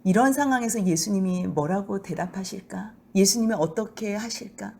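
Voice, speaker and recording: A middle-aged woman pastor giving a sermon in a church, telling the story with lively acted-out voices. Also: mid-range voice, moderate pace, gravelly, slightly rough. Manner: animated storytelling, acting out voices of mockers.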